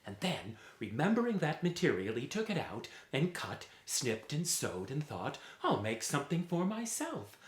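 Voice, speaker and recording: A theatrical storyteller, a man with a medium-pitched voice, tells a folk tale in a dramatic, rhythmic way, drawing out repeated phrases. The sound is roomy.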